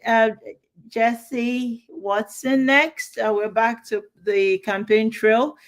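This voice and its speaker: A woman with a Nigerian accent and a slightly high voice hosts a live talk show, interviewing guests. She's casual and chatty, using fillers and restarting her sentences.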